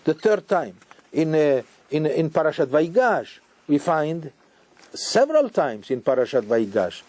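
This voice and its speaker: Man, rabbi, sermon, high-ish voice, warm mellow timbre, emphatic, repeats himself. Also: measured pace. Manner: animated, emphatic repetition.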